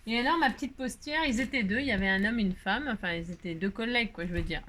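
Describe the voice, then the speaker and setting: A woman's voice: medium pitch, quick pace, fairly bright tone, a little hiss or hum. A woman crafting vlogger chatting casually, rambling and playful, with many fillers and jokes, feeling hot. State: hot, complaining of heat. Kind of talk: casual chat while crafting.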